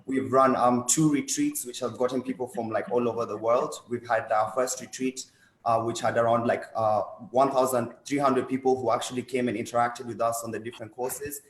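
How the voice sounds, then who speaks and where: A man talks casually over a video call about the online retreats he helps run. His voice stays flat and even, and the room around him echoes noticeably. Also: mid-range voice, a little fast. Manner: casual, loose with fillers. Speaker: online course organizer.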